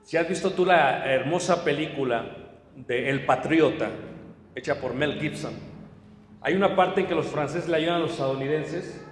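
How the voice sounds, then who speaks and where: A man's voice: fairly high pitch, moderate pace, echoey room, long reverb tail, slight background noise. A man preaching a sermon to his congregation, telling personal stories and speaking to them directly. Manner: storytelling, addresses congregation directly. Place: church hall.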